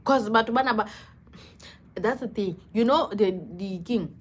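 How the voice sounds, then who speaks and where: Her voice is a little high and her pace normal as this young South African woman chats live on a stream. Expressive and conversational, she switches freely between English and local languages.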